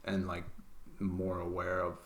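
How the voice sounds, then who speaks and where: Young man, casual podcast chat, deep pitch, lots of filler words. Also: completely flat delivery, measured pace, vocal fry. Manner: swearing, filler-heavy, rambling. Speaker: podcast co-host.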